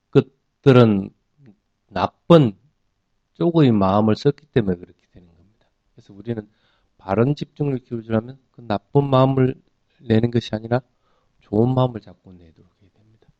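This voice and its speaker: Speaking at normal speed with frequent pauses, a man with a medium-pitched, dark voice gives a dharma talk, asking questions and answering them to teach. It's an explanatory sermon with everyday examples, recorded dry with dull audio.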